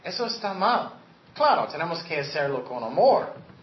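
A man's voice: fairly high pitch, very animated, normal speed. A man preaching a sermon as a pastor, earnest and direct, sometimes acting out the voices he quotes. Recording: echoey, dull lo-fi room recording.

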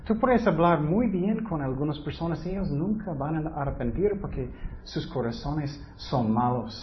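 A man's voice: fairly high pitch, animated, normal speed, dull audio, slight background noise. A man preaching a sermon, teaching earnestly and asking his listeners rhetorical questions.

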